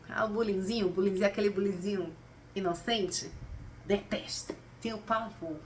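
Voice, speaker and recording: A woman, reflecting casually and expressively for her viewers in a spiritual vlog. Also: medium pitch. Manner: expressive, talks straight to viewers, acts out quoted voices. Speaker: spiritual vlogger. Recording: slightly distant mic, faint background noise.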